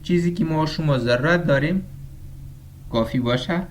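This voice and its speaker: A man with an Afghan Dari accent teaching an English vocabulary lesson. He reads each English word slowly and then glosses it briskly. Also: fairly high pitch, slight background noise.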